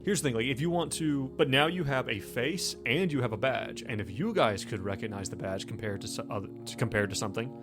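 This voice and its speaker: Talking fast with hardly any pauses, a man running a tabletop roleplaying game as game master explains things in a relaxed, conversational manner. His voice is medium-pitched, and music plays beneath it.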